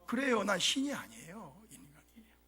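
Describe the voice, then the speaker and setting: A man preaching a sermon as a pastor, with a dramatic delivery that swings from shouts to hushed whispers, in a church sanctuary. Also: high-pitched, huge pitch swings, a little fast.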